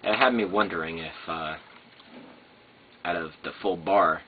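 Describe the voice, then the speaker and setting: A man talks in an extremely low voice with slurred speech. He rambles casually and hesitantly, wandering from thought to thought like a vlogger. The sound is narrow and phone-like, with faint noise behind him. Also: measured pace. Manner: hesitant, meandering, trailing off. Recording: noisy, muffled phone-like sound.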